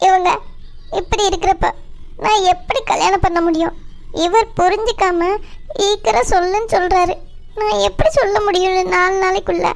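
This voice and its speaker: A gentle, dutiful young daughter in a family cartoon, voiced by a woman. Her voice is very high and soft, with an anxious tenderness in it. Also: steady tone, moderate pace, vocal fry. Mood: tearful. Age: young adult. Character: gentle devoted young daughter, worried bride-to-be. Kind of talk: cartoon voice acting.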